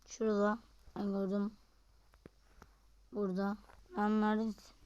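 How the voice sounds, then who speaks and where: A woman with a hoarse voice from being ill, hosting a casual gameplay video and chatting to her viewers as she plays. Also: mid-range voice, completely flat delivery, a little slow, a little mellow, muffled recording. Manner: chatty, keeps addressing the viewers, mutters and whispers while playing. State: hoarse from illness. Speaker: gaming video host.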